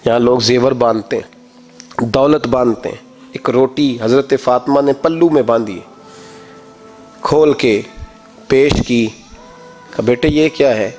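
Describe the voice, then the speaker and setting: Over soft background music, a preacher with a Pakistani accent delivers an impassioned Urdu sermon in a mid-range, darkish voice, pausing often. He tells stories and acts out the voices of the people in them.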